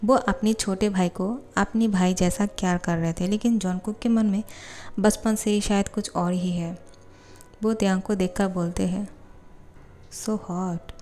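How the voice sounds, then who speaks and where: A woman narrating a fan fiction story in a plain, steady retelling voiceover. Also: mid-range voice, normal speed.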